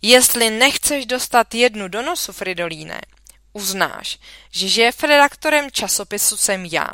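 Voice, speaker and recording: A woman's voice: medium pitch, lively intonation, pushed and bright, no echo, studio quality. A woman reading aloud, voicing a schoolboy who questions and challenges the others. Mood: threatening.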